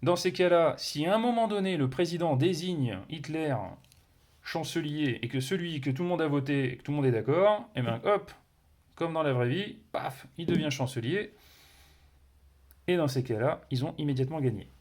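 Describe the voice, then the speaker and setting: A man's voice: fairly high pitch, animated, normal speed, a little mellow. A man reviewing a board game, explaining its rules casually with many fillers, restarts and playful sound words. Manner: hesitant, many fillers and self-corrections.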